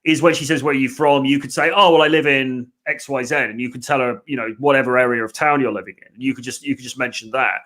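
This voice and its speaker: A man's voice: mid-range voice, steady tone, quick pace, few pauses, sharp tone. Chatty man hosting a dating podcast. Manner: chatty, hedging, answers listener questions. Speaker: dating coach host. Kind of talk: casual podcast chat.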